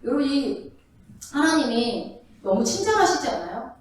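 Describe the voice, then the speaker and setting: A woman pastor preaching a lively sermon, now and then acting out the voices of biblical figures as she tells their stories. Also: sits high, moderate pace. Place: church sanctuary. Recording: echoey church hall, mic at a distance.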